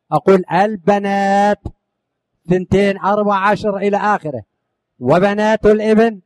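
A man's voice: high-pitched, no room sound. A man teaching inheritance law in a recited classroom style, asking questions and answering them himself, repeating lists. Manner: rising on each question, dropping at the end of lists; addresses listeners affectionately.

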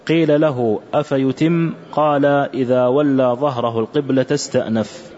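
A man reading aloud a classical religious commentary for a teacher, in a measured, careful recitation. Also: mid-range voice, steady tone, a little mellow. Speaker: student reading the text aloud. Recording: dull lo-fi recording.

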